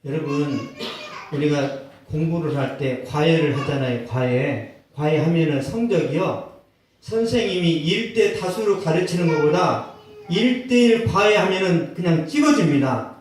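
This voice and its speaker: A male pastor preaching a sermon, telling a personal story with acted quotes and bursts of loud emphasis. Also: fairly high pitch, expressive, normal speed, recorded from a distance, a little hiss or hum. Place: church sanctuary. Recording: echoey church hall, mic from afar.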